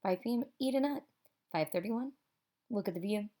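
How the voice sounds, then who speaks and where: In a mid-range voice, a woman gives an expressive, dramatic reading of a children's picture book, pausing for effect and stressing key words theatrically.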